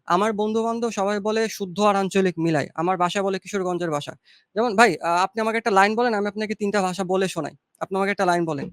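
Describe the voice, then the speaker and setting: A relaxed Bangladeshi man speaks in a fairly high voice, unhurried and encouraging. He sounds close and dry, with no room around him. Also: no room sound. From Chittagong, Bangladesh. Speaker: guest graphic designer. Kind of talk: casual advice talk.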